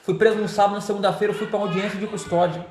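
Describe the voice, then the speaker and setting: A man's voice: high voice, steady tone, very fast, darkish tone, roomy sound, slight background noise. A man with a Brazilian Portuguese accent giving a fervent evangelical testimony, repeating his phrases in a preacherly way. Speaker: testimony speaker.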